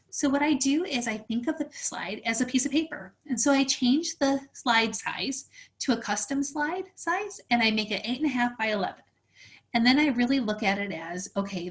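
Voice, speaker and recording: Woman walking through software steps. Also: on the high side. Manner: friendly, practical, explains step by step with many "so"s. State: slightly out of breath. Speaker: teacher trainer presenting a workshop. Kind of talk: instructional webinar walkthrough.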